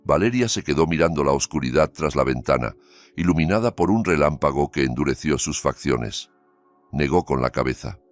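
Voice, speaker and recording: A man narrates a scripted dramatic story with steady, grave delivery. His voice sits extremely low and deep. Faint music runs beneath the narration. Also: moderate pace.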